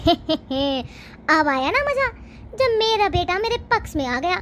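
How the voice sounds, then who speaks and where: A woman's voice: very high voice, big pitch swings, takes it slowly, a bit bright, full character voice. A woman voicing a scheming mother-in-law who taunts her son and complains about her daughter-in-law. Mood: gloating.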